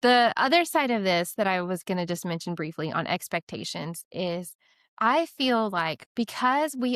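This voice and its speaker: A woman's voice: medium pitch, fairly bright tone, dry recording, studio quality. A young adult woman talking earnestly about faith in a casual podcast chat, full of "like" and "right?". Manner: earnest, many "like" and "right?" fillers, quick asides.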